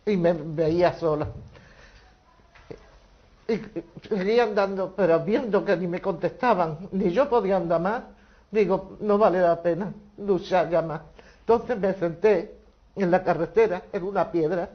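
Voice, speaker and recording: An older woman giving a personal testimony, telling her memories slowly and carefully with small restarts. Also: on the low side. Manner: slow, measured storytelling with small restarts. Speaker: witness recounting memories. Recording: dull lo-fi recording.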